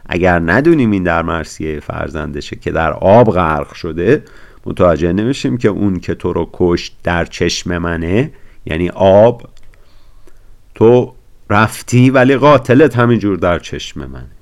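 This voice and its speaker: Man, very low voice, gravelly, poetry scholar, lecture, slow recited verses, casual explanations. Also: animated. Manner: recites verses slowly, then explains them in casual talk. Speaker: literature scholar and editor of a poetry edition.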